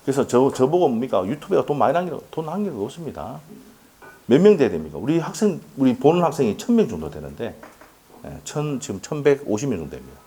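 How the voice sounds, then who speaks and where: A male lecturer teaching law in a classroom, in a relaxed, conversational tone. His pitch leaps up and drops low from phrase to phrase, full of rhetorical questions and quick laughs. He keeps checking in with the class as he goes. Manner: chatty, asks the class questions and answers them himself; laughs often and jokes with students.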